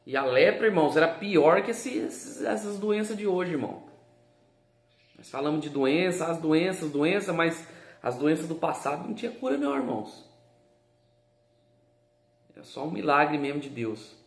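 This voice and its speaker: A man's voice: on the high side, expressive, normal speed, gravelly, pauses often, roomy sound. A man preaching a sermon, reading scripture and explaining it fervently, calling his listeners brothers.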